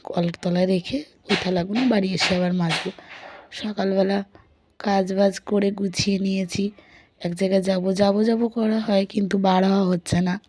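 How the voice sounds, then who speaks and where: In a casual daily vlog, a young woman with a sore throat narrates her day, recounting chores and conversations with family. Her medium-pitched, slightly mellow voice moves at a normal speed with little pitch variation, and there's a bit of hiss or hum.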